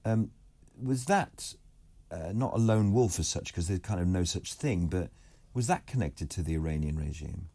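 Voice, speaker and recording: A man hosting a broadcast interview, talking in an animated way and often cutting in with quick agreement. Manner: animated, interjecting, rising emphatic pitch. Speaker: TV interviewer, host.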